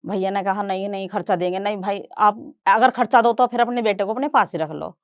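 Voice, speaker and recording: A woman's voice: mid-range voice, a little fast, no echo, studio quality. A middle-aged woman giving a stage talk, retelling her family story and voicing relatives in quoted dialogue. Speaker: guest speaker.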